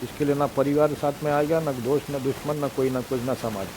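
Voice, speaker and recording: A man teaching in a spiritual discourse. He explains slowly, repeats his points and sometimes chants sacred names. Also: mid-range voice. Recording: hissy recording. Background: steady hiss.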